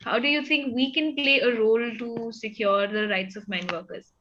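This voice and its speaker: Woman panelist, high voice, courteous; heard through a crackly, clicking, muffled call line. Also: fairly even intonation, moderate pace. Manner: polite and deferential. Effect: crackling, clicking video-call line. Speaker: panelist from a workers' rights group. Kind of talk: online panel discussion. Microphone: remote video call.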